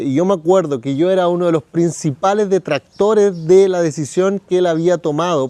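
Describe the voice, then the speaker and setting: During a church service, a male pastor shares a personal story within his sermon, performing the words of those he quotes. His voice is high-pitched and mellow, and the recording is dry.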